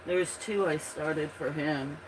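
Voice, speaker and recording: A man with a slightly high, rough, froggy voice hosts a livestream, talking loosely and slowly about his artwork. He wanders between thoughts and lets sentences fade as he looks for pieces, against a noisy background.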